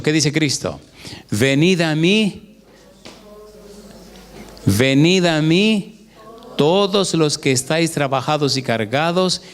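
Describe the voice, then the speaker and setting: A man preaching a sermon who keeps asking the congregation questions and quotes scripture in a slow, drawn-out cadence. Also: mid-range voice. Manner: asks the congregation call-and-response questions.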